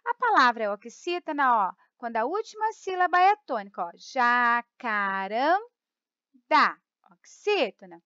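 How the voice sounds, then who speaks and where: A woman teacher with a Brazilian accent giving a grammar lesson, explaining slowly, repeating the rules, stretching key words and often checking in with her students. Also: sits high, very animated, fairly bright tone, no echo, dull audio. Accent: Brazilian Portuguese. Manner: keeps checking in with "tá?" and "ó". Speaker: Portuguese teacher.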